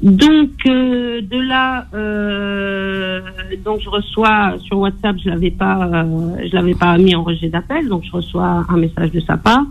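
A woman's voice: mid-range voice, measured pace, faint music behind. A woman calling in to a radio show, hesitantly retelling a family dispute with quoted dialogue. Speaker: caller. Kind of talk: call-in radio storytelling. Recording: tinny phone line.

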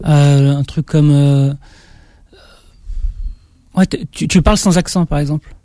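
Speaking a little slowly in a fairly high, mellow voice with no room sound, a young Frenchman answers interview questions. He's an author with a slight Auvergne accent, hesitant in his replies and prone to restarting.

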